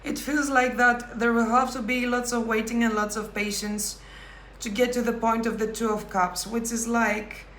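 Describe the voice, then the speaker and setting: A woman giving a pick-a-card tarot reading, talking thoughtfully with pauses and self-corrections. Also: on the high side, level tone, fairly bright tone, echoey room, slight background noise. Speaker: tarot reader.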